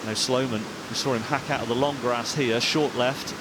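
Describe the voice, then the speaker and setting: A man works as a golf commentator, talking through play like a former player. His pitch is average and his delivery is measured and sympathetic. A clear rumbling noise sits behind his voice. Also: fairly even intonation.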